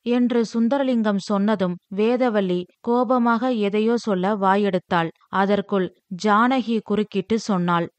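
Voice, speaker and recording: A woman host narrating a fiction story in a steady, clear storytelling manner. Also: mid-range voice, unhurried, dry recording. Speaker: storyteller, audio channel host.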